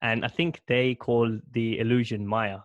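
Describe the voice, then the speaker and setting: A podcast host in his thirties asks thoughtful interview questions from a small room at home, stammering and restarting as he goes. His medium-pitched voice is flat and a little slow, captured close on a studio mic with no echo but dull audio.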